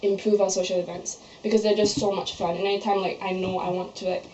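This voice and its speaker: A young Malaysian woman, a student running for a society position, talks through her nomination speech and fields questions in a chatty, filler-heavy way. Her mid-range voice is warm but flat, and she speaks quickly. It was recorded in a student society meeting room with echo, dull lo-fi sound and slight background noise.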